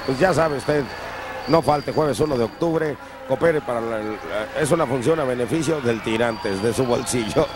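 A Mexican man giving chatty, colloquial wrestling commentary with shout-outs. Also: medium pitch, normal speed. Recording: very noisy old TV arena recording.

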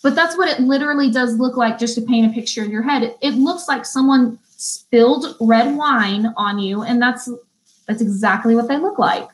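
A young woman teaching an online beauty school lesson, reading definitions slowly and chatting between them with easy laughs. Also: a little high, low-quality recording. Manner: chatty, laughs easily, stumbles and restarts; reads definitions slowly, then chats. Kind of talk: live online vocabulary lesson.

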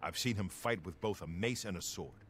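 An actor playing a gruff middle-aged gladiator trainer in a fantasy video game, giving tough, condescending coaching. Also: male voice, deep voice, normal speed, fairly bright tone, slight background noise. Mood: gruff, stern. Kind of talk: video game character dialogue.

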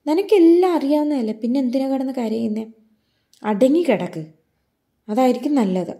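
A woman recounting a stern hospital nurse, loud and berating, firing harsh questions at patients. The voice sits high with a gravelly edge and a dark, mellow tone. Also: animated, moderate pace. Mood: scolding.

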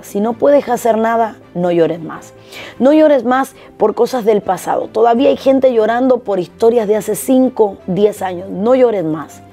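Woman preacher, mid-pitched, warm and mellow, earnest devotional delivery over a quiet music bed. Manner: earnest, exhorting, repeats key phrases. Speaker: pastor. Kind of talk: short devotional sermon.

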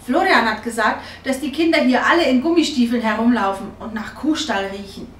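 A defiant, pouting little girl with a bright, high voice, as a woman storyteller puts her on. She sounds stubborn and sulky. The room is echoey and the mic sits a little way off. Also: animated, measured pace, recorded from a distance, a little hiss or hum.

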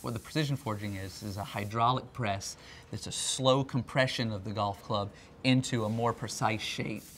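Over background music, a thirtysomething company presenter from R&D, leading a factory tour, explains things in a conversational promotional talk. He speaks at normal speed in a low-leaning, slightly bright voice with fairly even intonation, and a little hiss or hum is audible.

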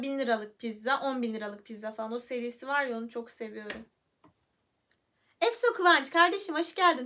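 A woman's voice: on the high side, fairly bright tone. A young woman hosting a casual livestream, chatting playfully with viewers and reading the chat aloud into her phone. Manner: playful, chatty, hums and sings nonsense syllables.

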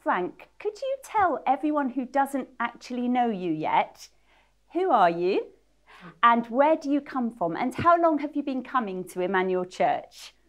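A woman's voice: fairly high pitch, sing-song, measured pace. A middle-aged woman interviewing a church member, asking questions and affirming the answers, on a lapel mic in a small studio. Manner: encouraging, affirming. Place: small indoor studio set.

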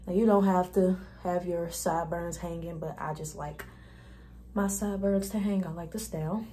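A woman's voice: lowish voice, steady tone, normal speed, mellow, a little hiss or hum. A young woman vlogger talking viewers through a hair tutorial in a casual, chatty, informal way. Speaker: beauty vlogger.

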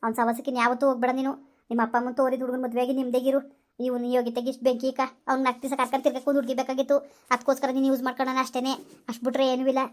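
A woman's voice: sits high, completely flat delivery, very fast, pitched below the performer's own voice, lightly acted. A woman voicing a bossy female friend who lectures. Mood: stern lecturing. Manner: lecturing, scolding. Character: bossy female friend giving stern advice.

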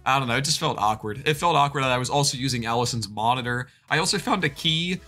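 A man's voice: medium pitch, fast, sharp tone, faint music behind. A young man in his twenties streaming live, chatting casually and rambling, with a stuffy nose from allergies. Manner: rambling, chatty, thanks chat by name.

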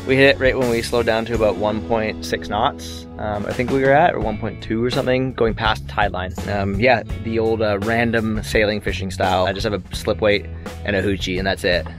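A man in his thirties talking casually to an arm's-length camera on a sailboat, relaxed and rambling with lots of ums. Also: fairly low pitch, a little fast. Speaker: sailing vlogger. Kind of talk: casual vlog narration. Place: sailboat at sea, outdoors and in cabin. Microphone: handheld action camera at arm's length. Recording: background music over outdoor audio. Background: music.

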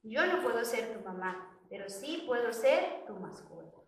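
A woman voicing a friendly cat that gives a high meow and then talks gently. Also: sing-song, unhurried, heavy background noise. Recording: echoey room, distant mic.

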